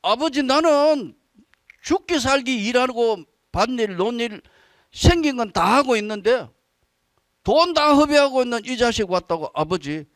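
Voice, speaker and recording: A man's voice: very high voice, expressive, a little slow, fairly bright tone, no echo, clean studio sound, exaggerated voice. A man voicing an aggrieved grown elder son who complains that he has been treated unfairly. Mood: indignant. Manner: indignant complaining.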